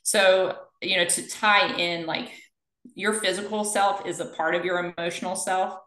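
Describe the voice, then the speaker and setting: A woman's voice: lowish voice, steady tone, moderate pace, fairly bright tone. A woman physical therapist being interviewed, telling stories with energy and acting out the quoted dialogue. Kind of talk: conversational interview. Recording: echoey room.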